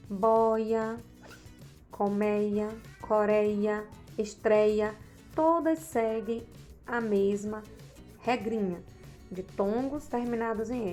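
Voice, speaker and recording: A woman's voice: medium pitch, darkish tone. A woman teacher explaining grammar rules from slides, often checking in with tag questions. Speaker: Portuguese teacher. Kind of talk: slide-based grammar lesson.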